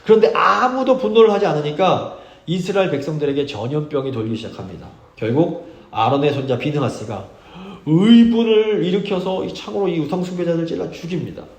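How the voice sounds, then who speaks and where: A male pastor giving a sermon, earnest and measured, reading scripture slowly for emphasis. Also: fairly high pitch, lively intonation, reverberant. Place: church sanctuary.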